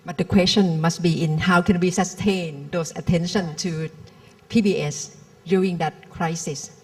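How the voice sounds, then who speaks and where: A woman's voice: fairly low pitch, fairly even intonation, unhurried, faint music behind. A woman moderating a conference panel, posing pointed questions. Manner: probing, poses pointed questions.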